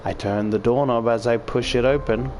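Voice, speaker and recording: An Australian video game streamer does a casual let's-play of a visual novel, reading its text aloud and commenting as he goes, informal and sweary. His mid-range voice keeps a fairly even intonation at a moderate pace. Music plays behind him.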